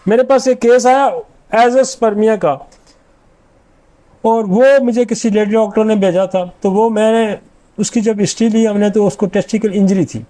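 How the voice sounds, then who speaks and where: A man's voice: high voice, warm tone. A middle-aged man, a homeopathic doctor, giving an informal lecture and confidently rattling off long lists of remedies.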